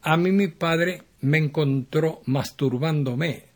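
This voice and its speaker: A man with an Argentine accent voicing a third older army general who speaks solemnly and deadpan. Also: a little high, slow pace.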